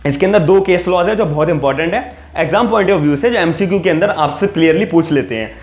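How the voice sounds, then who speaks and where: A man's voice: on the high side, fairly quick, a little mellow. A man talks through a law lesson. He keeps it conversational, circling back to restate each point and dropping in legal terms. The room sounds echoey, with faint music behind him. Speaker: law tutor.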